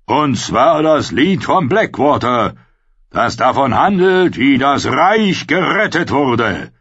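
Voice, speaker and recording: A man voicing a broad-chested minstrel with a booming voice, declaiming and half-singing slowly. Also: big pitch swings, a bit bright, slightly rough, dry recording, highs cut off, full character voice. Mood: grandiose. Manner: slow, declaiming chant-singing.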